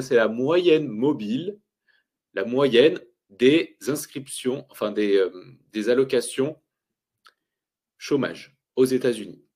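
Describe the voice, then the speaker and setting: Man walking viewers through a chart. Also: on the high side. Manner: lively, emphatic, rhetorical questions. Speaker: finance educator.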